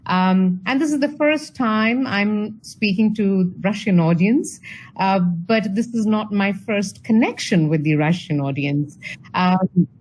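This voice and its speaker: A woman from India presents to an online audience in a chatty, unpolished way, dotting her sentences with fillers and small restarts. Her voice sits at an ordinary pitch for a woman. A faint noise runs under the video-call audio. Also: takes it slowly, darkish tone, poor audio. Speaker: speaker at an online talk.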